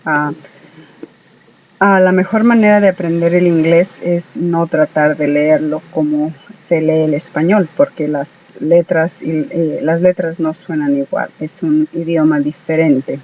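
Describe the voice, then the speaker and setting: Home-made lesson voice, very slow, hesitant, fillers, dull lo-fi sound. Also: mid-range voice, steady tone, darkish tone, far from the mic, slight background noise. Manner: slow careful word repetitions. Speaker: English teacher.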